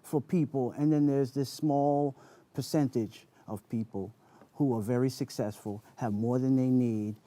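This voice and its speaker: A man's voice: medium pitch, fairly even intonation, unhurried, mellow, no room sound. A man speaking as an interview guest, earnest and emphatic, repeating phrases to drive points home. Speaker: interview guest, spoken word performer. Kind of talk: conversational interview talk.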